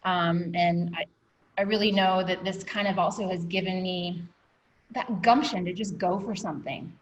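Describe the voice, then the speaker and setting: A woman's voice: fairly low pitch, fairly even intonation, moderate pace, dull audio, slight background noise. A woman guest on an interview podcast, telling her story candidly with many ums and a catch of emotion in her voice. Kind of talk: reflective personal storytelling.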